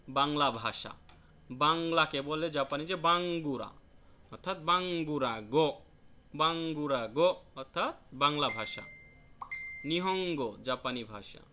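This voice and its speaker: Bright-voiced man teaching vocabulary. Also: on the high side, slight background noise. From Bangladesh. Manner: repeats each word slowly, with restarts. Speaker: Japanese language teacher. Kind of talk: classroom lesson explaining vocabulary.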